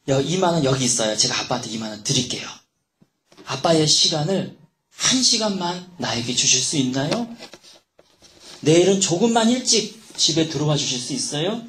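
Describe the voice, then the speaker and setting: A man's voice: fairly high pitch, a bit bright, roomy sound. A male pastor preaching a sermon, telling a story and acting out its dialogue in different voices.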